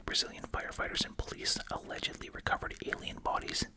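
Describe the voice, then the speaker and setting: Speaking quickly, an ASMR host whispers breathily and without voice near the microphone, chewing gum. They read aloud and add offhand comments along the way.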